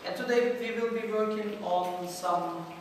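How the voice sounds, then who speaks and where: A man's voice: high-pitched, fairly even intonation, a little slow. A middle-aged man leading a group workshop in an informal, joking way. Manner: informal, joking, loose phrasing. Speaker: workshop trainer. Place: large echoey hall with a group. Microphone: far camera mic. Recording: echoey hall from far off, noisy.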